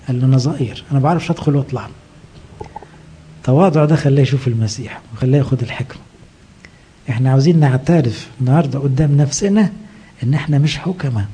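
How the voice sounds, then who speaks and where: A man's voice: medium pitch, warm tone, husky. A middle-aged man with an Egyptian accent, a priest preaching a sermon who asks rhetorical questions and answers them himself. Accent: Egyptian Arabic.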